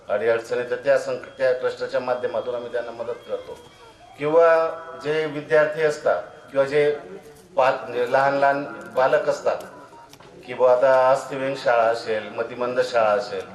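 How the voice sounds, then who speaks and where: A man giving an earnest, formal speech to former students at a reunion, somewhat halting. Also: medium pitch, reverberant, low-quality recording. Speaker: guest speaker at reunion.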